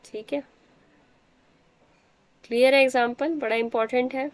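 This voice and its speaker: A woman's voice: high voice, steady tone, normal speed. A woman teacher giving a math lecture, explaining step by step and often checking that the students understand.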